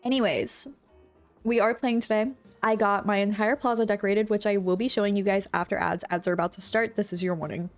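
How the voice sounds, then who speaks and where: Soft music plays behind a young woman streaming from home as she chats casually with her viewers. Her medium-pitched voice is steady, a bit congested and a little fast, and her bubbly talk is full of "like" and "um".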